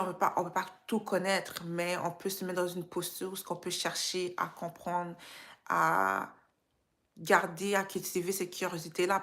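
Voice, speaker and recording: This woman from Quebec, Canada, runs a relaxed, encouraging live stream, her Quebec French accent shaded by Creole and English, with English slang mixed in. Her voice is fairly low and fairly bright.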